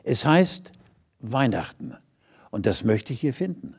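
Little star, naive and curious, gentle storybook figure, read by a man. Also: medium pitch, sing-song, unhurried, slightly rough, heavily acted. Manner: wondering, innocent questions. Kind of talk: storybook reading.

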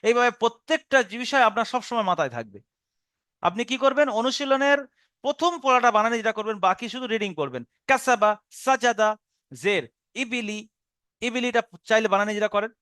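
A high-pitched man with a Bengali accent walks learners through a Quran reading lesson one careful step at a time. His voice is smooth and resonant, recorded close and dry with no room sound. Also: expressive, pushed and bright, no room sound. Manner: patient step-by-step explanation, spelling out syllables slowly.

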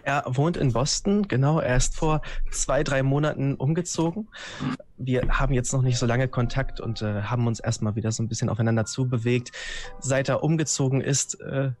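A man's voice: mid-range voice, normal speed, a little mellow, close to an everyday voice. Man playing a flustered, worried elderly lady. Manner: flustered, hesitant, pleading. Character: worried elderly wealthy lady seeking her missing grandson. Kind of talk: tabletop role-play.

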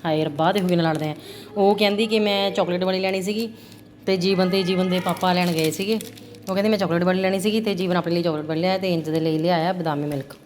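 A woman's voice: lowish voice, steady tone, fast, a little mellow. A woman chatting casually to viewers in a daily home vlog, often checking in with little tag questions. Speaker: home vlogger and mother. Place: around the house, partly outdoors. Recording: noisy handheld home recording.

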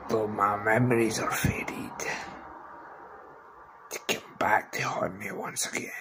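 Man, hammy theatrical recitation, slow and drawn out, breathy whispered endings, gravelly, faint hiss on a handheld phone recording. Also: fairly low pitch, little pitch movement, bright, forceful tone. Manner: hammy stage-actor delivery, with drawn-out pauses and breathy half-whispered line endings. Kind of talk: dramatic reading of song lyrics. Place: small indoor room. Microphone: phone held close to the face.

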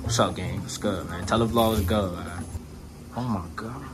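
A man vlogging and filming at a party, loud and teasing, swearing and exclaiming often. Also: fairly low pitch, fairly even intonation, normal speed. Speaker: vlogger and cameraman. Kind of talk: casual party banter. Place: birthday party. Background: loud music.

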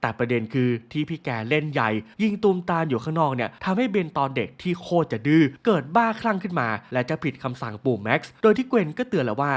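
A male narrator recapping a cartoon story in a relaxed, chatty way, full of slang. He talks quickly and his pitch rises and falls a lot. The tone is casual, like telling the story to friends.

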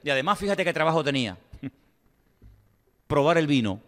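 A man's voice: fairly high pitch, lively intonation, unhurried, fairly bright tone, long reverb tail. A male pastor giving a sermon in a conversational, chatty way, with asides, rhetorical questions and repeated phrases that build to emphatic exclamations.

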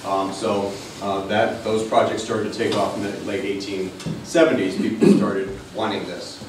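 A local history lecturer in his thirties from Connecticut gives a casual talk to an audience in a library meeting room, chatty, digressive and self-deprecating with many fillers. His fairly low voice stays fairly even at a moderate pace. A far camera with no visible mic picks him up distantly, with roomy echo and a little hiss or hum.

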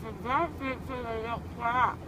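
A woman's voice: a little high, steady tone, fairly quick. A young woman chatting casually, groggy and slurred, with a sore, numb mouth after having teeth pulled, recorded in a car. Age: young adult. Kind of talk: casual chat. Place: inside a car. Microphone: phone held by another passenger. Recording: noisy moving car interior.

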